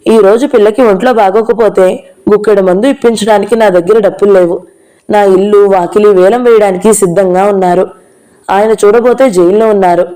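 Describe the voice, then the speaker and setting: A woman's voice: mid-range voice, fairly even intonation, fairly quick, dark tone, lightly acted, low-quality recording. A woman reading the part of an angry, grieving middle-aged mother who lashes out bitterly through tears, in an audio novel. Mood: bitter, accusing. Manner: bitter, accusing, tearful.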